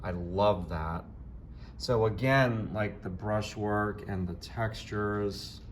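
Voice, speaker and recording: A male art teacher hosts an informal interview in his classroom, brimming with enthusiastic, effusive praise. His voice is on the low side and unhurried. The handheld camera, used without a tripod, picks up a little hiss or hum.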